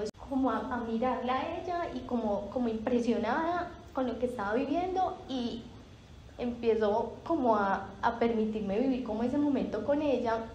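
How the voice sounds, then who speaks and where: A woman gives a heartfelt testimony into a handheld microphone. Her voice sits a little high, and she talks haltingly, circling back over her own phrases. The sound carries the echo of a roomy hall over a faint hiss. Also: a little mellow. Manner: halting, repeats phrases, many fillers. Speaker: testimony speaker at a Bible study group. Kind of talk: emotional personal testimony.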